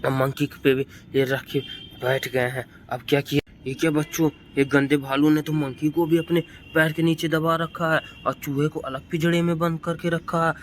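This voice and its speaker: A man narrating a toy play for children, excited and talking directly to the kids watching. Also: fairly high pitch, moderate pace, slight background noise. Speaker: children's channel host.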